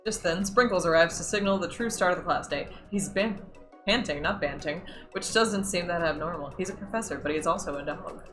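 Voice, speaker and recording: A woman's voice: lowish voice, brisk, a bit bright, faint music behind. A woman casually reading a dating game's script aloud, joking and stumbling over the text. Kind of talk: casual let's-play reading.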